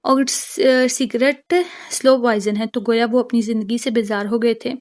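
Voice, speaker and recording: Woman novel reader, steady dramatic first-person delivery, flat pitch, dry close mic. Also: no echo.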